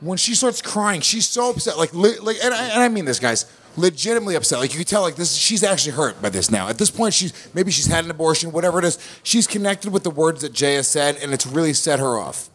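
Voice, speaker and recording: A man co-hosting a comedy podcast, excitedly adding his side of the story. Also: fairly high pitch, quick pace, few pauses, husky. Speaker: podcast co-host.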